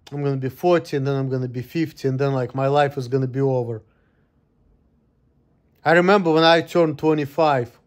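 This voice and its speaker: A man in his thirties venting in a casual vlog monologue, gloomy and full of swearing. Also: fairly high pitch. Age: 30s. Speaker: vlogger.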